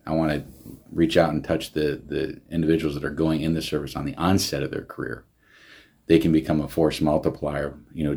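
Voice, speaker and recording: In a relaxed interview, a man who directs county veterans services talks earnestly in a very deep, darkish voice with a breathy edge. His speech is full of fillers and repeated restarts.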